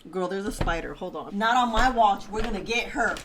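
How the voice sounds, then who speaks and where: A woman's voice: mid-range voice, fairly quick, background noise. A woman beauty vlogger chatting casually and expressively to her viewers while testing makeup. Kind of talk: casual beauty vlog chat.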